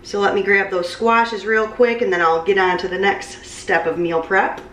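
A woman's voice: medium pitch, little pitch movement, normal speed, fairly bright tone, far from the mic, slight background noise. Chatty woman cooking in an echoey kitchen. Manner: chatty, talks while cooking and moving around. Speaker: cooking vlogger. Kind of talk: casual cooking vlog. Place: small home kitchen. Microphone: camera mic, distance varies as she moves. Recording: roomy kitchen echo, off-mic at times.

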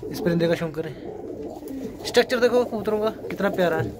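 A man's voice: high-pitched, quick pace, noisy background. A man hosting a video channel, eagerly asking questions and talking straight to his viewers on a rooftop. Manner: eager, addresses viewers directly. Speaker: channel host and interviewer. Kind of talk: casual video interview.

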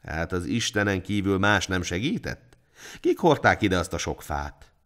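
A man doing a shrewd calm king. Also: low voice. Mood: calm, probing. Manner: calm, probing questions.

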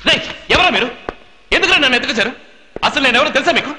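A spoiled, rushed young man. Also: very high-pitched, animated, background noise. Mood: blustering. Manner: bratty, rushed outbursts. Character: spoiled young man, blustering then pleading. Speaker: minister's son, the groom. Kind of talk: dubbed film drama.

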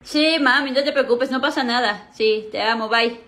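A young woman carries a comedic sketch in a high voice. She sounds lively and a little exasperated as she reacts to everyone around her. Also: moderate pace. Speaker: comedic storyteller.

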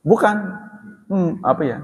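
A man teaching religion in a relaxed, chatty way, joking and laughing as he talks. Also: high-pitched, a little slow, husky. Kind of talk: casual religious talk. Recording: long hall reverb.

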